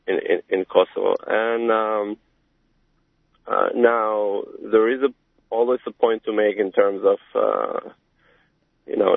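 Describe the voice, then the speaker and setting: A man from Albania calling into a radio show, speaking haltingly with many fillers. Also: low voice, creaky, no room sound. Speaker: caller. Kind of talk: call-in radio talk. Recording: tinny phone line on the radio.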